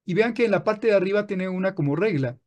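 A man teaching music software in a screen-recorded tutorial, patient and explaining step by step with frequent restarts. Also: high-pitched, animated, fast talker.

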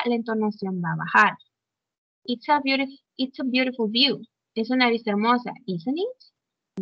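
Teaching English grammar online, a woman explains in Spanish, gives English examples and frequently checks in with students. Her high voice sounds pushed and bright with no room sound, and the audio comes through dull and muffled.

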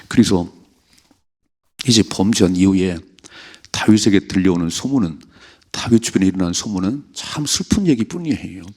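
Man, pastor, dawn sermon, emphatic, gravelly voice, husky. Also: lowish voice, darkish tone. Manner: emphatic, acts out prayers and rebukes.

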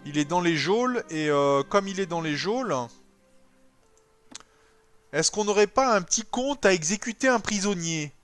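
Brief: male gamer, slightly high voice, casual let's-play chatter, hesitant, then bursts of excitement, soft music underneath. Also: moderate pace, long pauses. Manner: thinks aloud, hesitant fillers, sudden excited bursts. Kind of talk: casual strategy game commentary.

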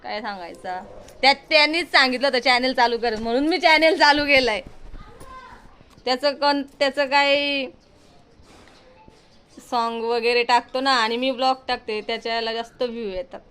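A woman's voice: high voice, normal speed, pauses often, a bit bright, smooth. A young woman with a Marathi accent chatting casually in a family vlog, playful and talkative, cooing at cats. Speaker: vlogger. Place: house with family, indoors.

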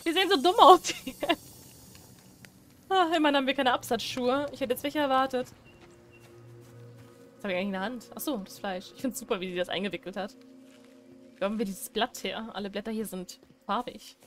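A young woman giving casual let's play commentary, chatty and excitable, breaking into loud squeals. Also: fairly high pitch, fairly quick, faint music behind. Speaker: gaming streamer.

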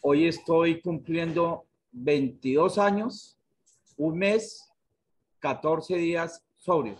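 A man's voice: a little high, slow pace, slightly rough. A middle-aged man from Colombia giving a frank, earnest personal testimony on a video call. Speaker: director of a therapeutic community. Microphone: video call webcam.

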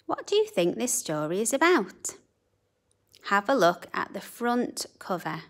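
Woman, storybook reader, slow, sing-song, expressive, middle pitch. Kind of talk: reading a picture book aloud. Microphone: camera above a book on a table.

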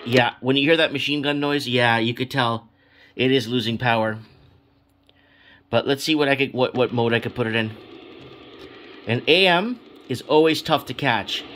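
In a small room at home, a man with a medium-pitched, slightly bright voice rambles through an informal product demo, thinking aloud as he reviews it off the cuff. The recording is a noticeably noisy home video with clicking sounds.

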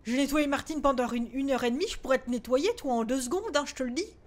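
Talking fast in a high-pitched voice, a woman gives live commentary while streaming a horror game. The jittery streamer swears a lot and scolds the on-screen ghosts.

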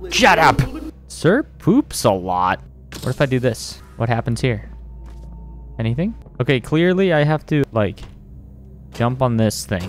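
An amused, jokey man hosting a gaming video, exclaiming and yelling excitably as he comments on the gameplay. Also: medium pitch, normal speed, long pauses, faint music behind.

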